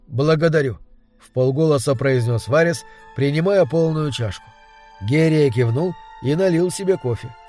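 A man reading a gothic story aloud in a measured, dramatic way. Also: on the high side, mellow. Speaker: narrator. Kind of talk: audiobook narration. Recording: dry studio read with faint music.

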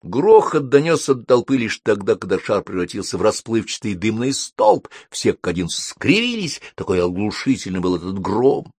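A man narrating a storybook as an audiobook, with expressive storytelling. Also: fairly low pitch, moderate pace, hardly any pauses, breathy edge, no echo, clean studio sound.

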